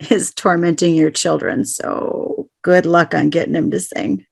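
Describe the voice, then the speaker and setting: A woman's voice: fairly low pitch, unhurried, vocal fry, darkish tone, husky, no echo. Dry-humored female podcast co-host. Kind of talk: casual podcast chat.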